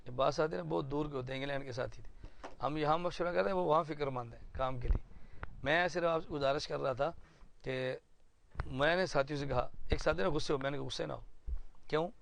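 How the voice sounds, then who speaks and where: Gravelly-voiced cleric addressing a meeting. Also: male voice, on the high side, a bit bright, slight background noise. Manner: earnest, explanatory, uses stories and examples. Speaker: Islamic cleric addressing his supporters. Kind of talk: informal address to a planning meeting. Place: indoor meeting room.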